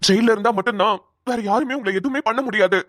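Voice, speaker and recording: A woman's voice: fairly high pitch, fast, no room sound, clean studio sound, natural voice. A woman voicing an earnest, protective young male police officer in a cartoon, talking urgently and stammering at times. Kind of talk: cartoon voice acting.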